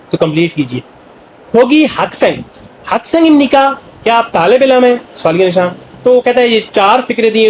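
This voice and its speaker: A man with a Pakistani Urdu accent gives an explanatory classroom lesson in a fairly high voice. He works through words one at a time and fills pauses with stock phrases. A faint hum of room noise sits behind him. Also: darkish tone, rough recording. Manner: translates word by word, with many "jo hai na" fillers. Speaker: Korean language teacher.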